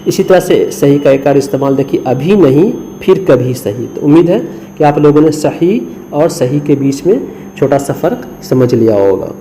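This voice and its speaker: A man's voice: fairly high pitch, expressive, dark tone, a little hiss or hum, low-quality recording. A man from India teaching Urdu script, patiently spelling out letters syllable by syllable and mixing English words into his explanations. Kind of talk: screen lesson.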